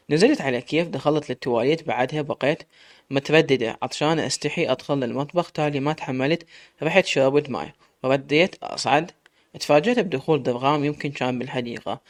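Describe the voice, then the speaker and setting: A man with an Iraqi accent narrates a first-person story in a steady, plain reading voice. His pitch sits slightly high for a man. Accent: Iraqi Arabic.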